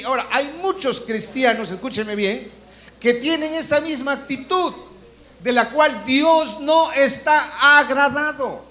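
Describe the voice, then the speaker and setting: A man's voice: high-pitched, sharp tone. A man, a pastor, preaching a sermon to his congregation, asking frequent rhetorical questions and acting out complaining voices. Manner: acts out complaining voices in quotes; slows down and rises on emphatic Bible quotations. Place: church.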